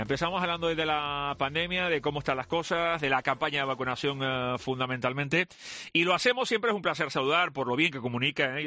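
A man hosting a morning radio show, chatty and quick, with many fillers. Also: a little high, bright, forceful tone, no echo. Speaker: radio host.

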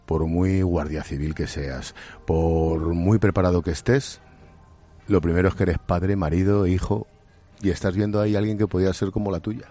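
A man's voice: sits low, steady tone, moderate pace, mellow. A male radio presenter with a Spain Spanish accent, reading news narration and asking earnest, pointed questions. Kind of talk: scripted news narration and interview.

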